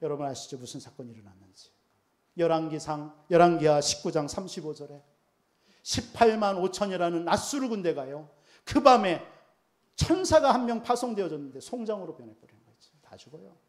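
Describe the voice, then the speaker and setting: A man's voice: on the high side, expressive, brisk. A male pastor preaching a sermon emphatically, often putting rhetorical questions to the congregation.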